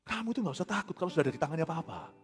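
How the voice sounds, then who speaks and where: Animated high-voiced man preaching in a hall. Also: racing, soft background music. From Indonesia. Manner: animated, acts out quotes, mixes in English phrases. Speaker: pastor. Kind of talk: sermon.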